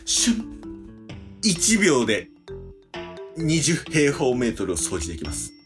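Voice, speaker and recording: A man playing an excitable TV shopping host, giving a mock infomercial pitch with theatrical build-ups and dramatic pauses. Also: music in the background. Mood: showy, building suspense.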